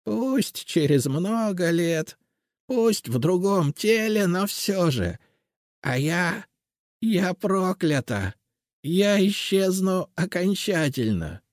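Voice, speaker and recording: Audiobook: man doing a terrified hoarse old crone, high shrill pleading. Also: big pitch swings, dry recording, studio quality, heavily acted. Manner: pleading, desperate, drawn-out. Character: ancient female life-draining creature, old, terrified.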